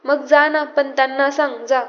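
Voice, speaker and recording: A firm, teasing queen mother of an old storybook, who scolds her young daughter-in-law and then softens, as a woman reader puts her on. Her voice sits high. The audiobook sound is a little muffled. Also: flat delivery, measured pace. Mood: teasing, scolding. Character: commanding affectionate queen mother, older woman.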